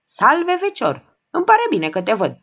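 A woman voicing a loud, pushy, excitable man who bursts out in an audiobook reading, on a dull lo-fi recording. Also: fairly high pitch, husky, pitched above the performer's own voice, heavily acted. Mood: blustering. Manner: explosive, shouty bursts. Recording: dull lo-fi sound.

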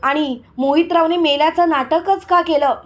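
Brief: woman narrator doing an irritated young man, pushy and demanding, voice kept high. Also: normal speed, close to an everyday voice. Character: angry suspicious young man.

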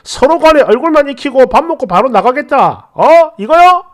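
A woman voicing an old-fashioned online commenter in a loud, contemptuous rant. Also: sits high, expressive, moderate pace.

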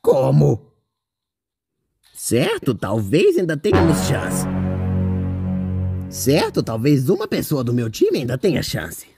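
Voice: mid-range voice, huge pitch swings, slow pace, gravelly, long pauses, over loud music, full character voice. A performer voicing a mischievous, boastful male ink demon in character while commenting on a game, with a playful, exclamatory manner.

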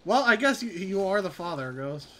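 High-voiced man bantering over a game. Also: expressive, normal speed, a bit bright, slight background noise. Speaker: gamer playing with friends. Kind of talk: casual gaming banter.

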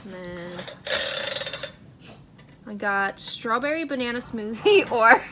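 A woman's voice: fairly high pitch, lively intonation, slow pace, very noisy. A young woman chatting casually to camera as a vlog host, recorded at a table at home. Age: young adult. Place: small room at home, at a dining table.

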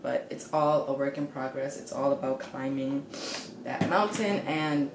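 In a small indoor room with shelves, a twenty-something beauty vlogger does her makeup and talks casually to camera for a chatty get-ready-with-me vlog, leaning heavily on "like" and "you know." Her very deep voice is unhurried and slightly congested. The room echoes and the background is noisy.

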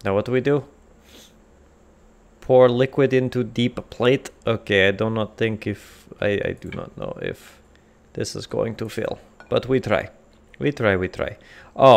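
Man, lowish voice, put-on comic Russian accent, dropped articles, rambling gameplay chat. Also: animated, unhurried, vocal fry. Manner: rambling, jokey, talks to himself while cooking. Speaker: gamer playing a cooking game. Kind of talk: casual gameplay commentary.

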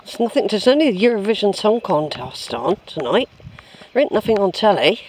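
Strolling along a woodland track, a vlogger rambles casually and thinks out loud, recorded on the built-in mic of a handheld camera. The voice sits mid-range, expressive and darkish, moving fairly quickly, with slight hiss or hum in the audio.

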